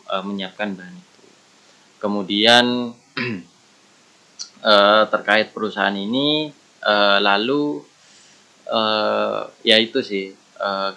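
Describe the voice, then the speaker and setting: A man's voice: fairly low pitch, pushed and bright, low-quality recording. A man gives casual career advice as a podcast guest, earnest and meandering, often restarting his sentences.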